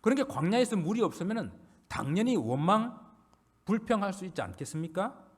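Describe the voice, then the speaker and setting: A man preaching a Sunday sermon as a pastor, earnest, building emphasis and then dropping low at the ends of phrases. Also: very animated, fairly quick, husky. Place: church sanctuary.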